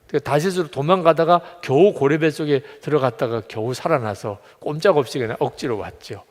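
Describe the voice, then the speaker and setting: A man's voice: fairly high pitch, brisk. Give me a man preaching a storytelling sermon in a reverberant hall. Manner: animated storytelling, swinging from loud emphasis to hushed asides. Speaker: pastor. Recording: long reverb of a large hall.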